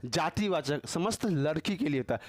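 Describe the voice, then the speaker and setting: A man's voice: a little high, animated, moderate pace. A man teaching a casual grammar class, teasing and quizzing his students with constant tag questions.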